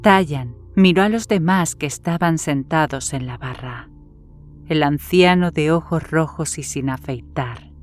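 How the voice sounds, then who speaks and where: A woman with a low, slightly slow voice narrates a horror story as a scripted audiobook, with background music playing under her reading.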